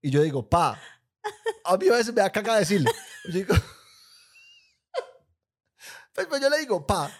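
A man, co-hosting a podcast, telling a funny family story in a casual, animated way and acting out the lines he quotes. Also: high voice, measured pace, pauses often. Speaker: podcast co-host.

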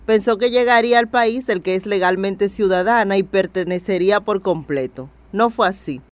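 Measured documentary narrator, dry sound. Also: mid-range voice, no echo.

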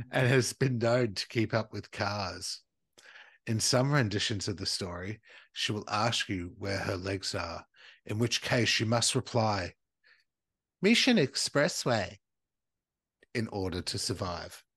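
A man co-hosting a casual podcast reads an urban legend from his notes, then breaks into loud, crude jokes and banter. His voice is lowish and slightly rough, a little slow, and the recording is dry.

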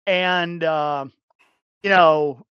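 A man's voice: fairly high pitch, steady tone, extremely slow, clear, resonant tone, no room sound, highs cut off. A man talking casually as a podcast guest, rambling with lots of fillers and restarts and laughing easily. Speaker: podcast guest, game developer. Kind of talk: casual chat.

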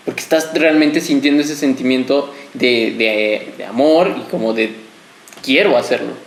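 A man's voice: medium pitch, moderate pace, creaky. A man, a podcast co-host in casual chat, who stops and repeats words as he thinks. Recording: echoey room.

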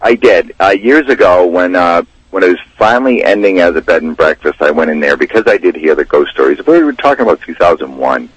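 Low husky man, rambling and folksy. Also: expressive, brisk, hardly any pauses. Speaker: radio guest, local ghost investigator and tour guide. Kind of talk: casual radio interview chat about local history. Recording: dull, roomy, lo-fi radio line.

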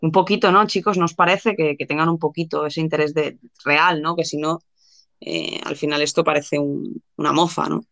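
Woman co-host, bright, dry sound, halting delivery. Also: deep voice, fairly even intonation, gravelly, dry recording. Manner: hesitant, many fillers and restarts. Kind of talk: casual live podcast chat.

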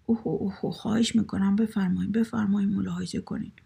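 A woman's voice: medium pitch, steady tone, creaky, dark tone, breathy edge, exaggerated voice. A woman voicing a pompous, fat male landlord with formal manners, in a storybook reading. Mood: obsequious. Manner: formal, coughing before each sentence.

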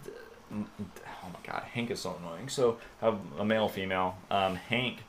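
A man hosting a casual chat, laid-back and lively when he tells a story. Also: fairly low pitch, normal speed, a little hiss or hum.

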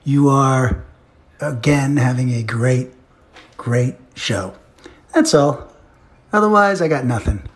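A man's voice: mid-range voice, animated, slow, long pauses. A man calling in to the show, talking into a phone held away from his mouth, gushing in short clipped phrases. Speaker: listener calling in. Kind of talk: casual call-in message.

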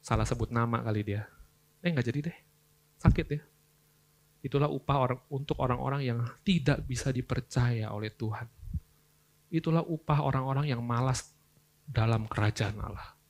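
A young man, preaching a lively youth sermon, swinging between loud outbursts and quiet earnest asides. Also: medium pitch, moderate pace, creaky. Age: young adult. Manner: casual slangy Jakarta-style delivery.

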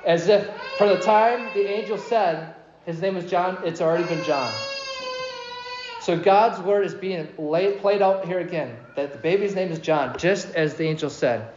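Pastor, male, animated sermon, slightly high voice, echoey dull church recording. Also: normal speed, noisy background. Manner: animated, asks the congregation questions.

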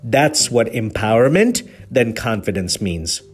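A man's voice: lowish voice, lively intonation, a little slow, soft background music. A man from Kenya hosting a podcast, giving an earnest, preachy motivational talk on leadership that is full of rhetorical questions. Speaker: podcast host.

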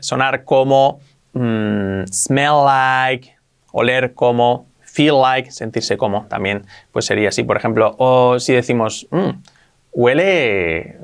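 Guy from spain explaining english grammar, says each example twice, slow and clear. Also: medium pitch. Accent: Spain Spanish. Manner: repeats each example slowly, asks ¿vale? often. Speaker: English teacher.

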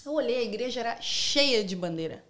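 Her voice on the high side and a bit bright, this young adult woman with a Brazilian accent recounts a personal story on a podcast, slangy and casual, acting out quoted lines. She speaks a little fast, with lively intonation.

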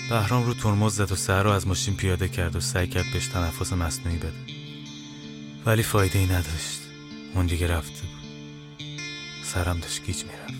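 A man's voice: low voice, steady tone, pauses often. A man narrating a first-person supernatural horror story with dramatic, tense delivery. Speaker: narrator and writer. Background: guitar music.

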